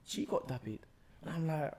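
Animated and fairly high-pitched yet dark in tone, a young London actor spins casual stories at a normal pace as a podcast guest. The setting is a bright room where he sits on a sofa before a close boom-mounted mic.

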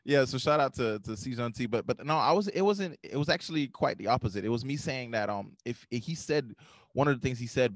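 A man's voice: mid-range voice, dry recording. A man from Haiti co-hosting a podcast, talking earnestly in casual chat with many ums and restarts. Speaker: podcast co-host.

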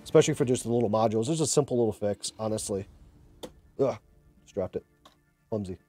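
Hyped streamer man with a mellow voice. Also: lowish voice, quick pace, soft background music. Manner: excitable, repeats himself, urges viewers on. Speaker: mobile game live streamer. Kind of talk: casual live-stream chatter.

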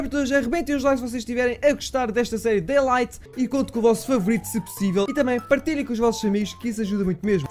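A young man with a European Portuguese accent commentating a horror game, excitable and muttering to himself. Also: extremely high pitch. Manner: excitable, mutters to himself, swears when startled. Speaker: gaming channel host.

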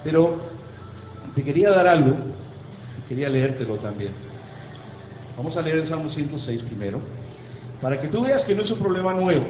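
A man preaching as pastor, emphatic, asking rhetorical questions and slowing down for effect. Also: a little high, echoey room, lo-fi sound, a little hiss or hum. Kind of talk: sermon. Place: church sanctuary.

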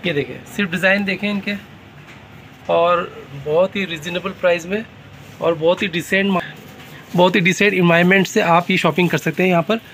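Man, high voice, Karachi Urdu accent, enthusiastic vlogger, faint shop noise. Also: fairly even intonation, a little fast, fairly bright tone. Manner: enthusiastic, repeats prices back. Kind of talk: shopping vlog presenting. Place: busy bag shop in a mall.

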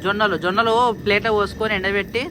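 A man's voice: high voice, flat delivery. A man talking casually while working at home in a village and telling others what to do. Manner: directing others, brisk. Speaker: vlogger. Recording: loud background noise.

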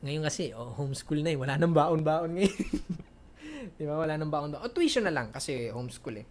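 A man's voice: fairly high pitch, sing-song, moderate pace, a little mellow, slight background noise. A man giving casual, chatty coaching advice to viewers in a Q&A, mixing in English phrases and laughing often. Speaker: networking coach hosting a Q&A.

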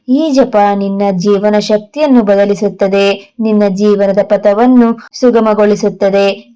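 Slow, mellow woman giving a devotional message. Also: medium pitch, smooth, rough recording. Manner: gentle, soothing, repeatedly addresses the listener as child. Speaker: devotional tarot channel host. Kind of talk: devotional message in a divine first-person voice.

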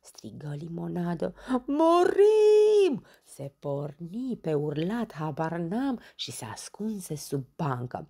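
A woman reading a children's bedtime story aloud, acting out the characters' lines with lively shifts in voice. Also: gravelly, hardly any pauses, slightly rough. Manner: acts out the characters' lines with raised pitch and loudness.

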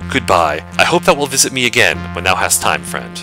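A man voicing a muscular knight who rules a castle, speaking in a raspy voice with formal archaic phrasing. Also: low voice, very animated, brisk, music in the background, rough recording. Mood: courteous.

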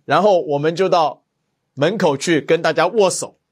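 Man, pastor, devotional sermon, anecdotes with quoted dialogue, higher voice. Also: normal speed, husky. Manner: storytelling, lively quoted dialogue.

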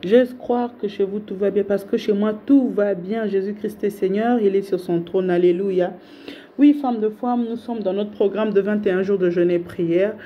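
A woman's voice: medium pitch, steady tone, normal speed, slight background noise. Fervent preaching woman, lo-fi sound. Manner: fervent, repetitive, rhythmic exhortation. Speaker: prophetess preaching online. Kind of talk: sermon.

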